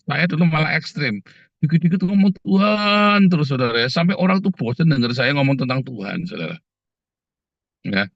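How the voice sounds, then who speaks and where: A man preaching a casual, animated sermon, often calling his listeners "saudara" and slipping into quoted voices. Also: on the high side, normal speed, creaky, no echo. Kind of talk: conversational sermon. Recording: dull muffled dry sound.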